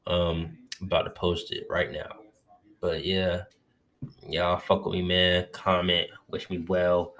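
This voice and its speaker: A man giving a casual, profane recap of his team's win, excitable and swearing often, while getting over covid and feeling a bit lightheaded. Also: low-pitched, slow pace. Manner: loose, profane, excitable fan talk. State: recovering from covid, a little lightheaded. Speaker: sports fan vlogger.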